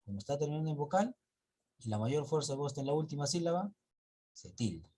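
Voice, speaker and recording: A man's voice: fairly high pitch, lively intonation, quick pace, warm tone. A man teaching a grammar lesson, explaining step by step and putting questions to his students.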